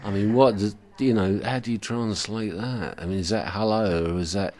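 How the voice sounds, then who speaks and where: A man's voice: fairly low pitch, a little fast, a little mellow. A man chatting casually, telling mocking anecdotes and acting out other people's voices. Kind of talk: casual chat.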